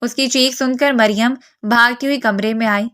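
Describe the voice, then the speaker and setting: Brief: woman storyteller, calm and even, fairly high pitch, scripted narration. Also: no echo. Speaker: novel narrator. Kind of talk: scripted narration of a romance novel.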